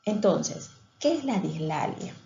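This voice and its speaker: A woman's voice: lowish voice, very animated, slow, vocal fry, mellow, roomy sound, lo-fi sound. A woman giving a recorded lecture on speech therapy, explaining things step by step with some hesitations and restarts.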